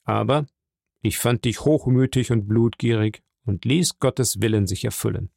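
A man voicing a stern, solemn nobleman who speaks slowly and gravely. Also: medium pitch, darkish tone, no echo, clean studio sound. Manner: slow, grave, measured.

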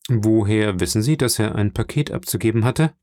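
A man reading the part of a hearty middle-aged shipowner in an audiobook, lively and confiding. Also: fairly low pitch, normal speed, dry recording, studio quality, close to an everyday voice.

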